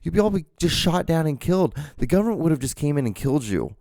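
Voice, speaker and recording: A man from Honduras hosting a podcast, talking through a casual monologue in an emphatic, halting way, with many restarts and fillers. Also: fairly high pitch, very animated, dark tone, no room sound, studio quality. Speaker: podcast host.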